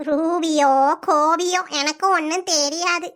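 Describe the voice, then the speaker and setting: Cartoon granny, slow and befuddled, southern Tamil Nadu lilt, played by a woman. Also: very high-pitched, steady tone, a bit bright, voice pushed down. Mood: doting. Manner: slow, drawling, confused. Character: old village grandmother, slow and muddled. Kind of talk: cartoon voice acting.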